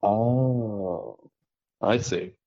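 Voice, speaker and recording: A western Massachusetts man hosts a podcast, rambling relaxedly about trapping with lots of "like" and "you know." His lowish voice draws words out with vocal fry, and the recording has no echo but cuts off the highs.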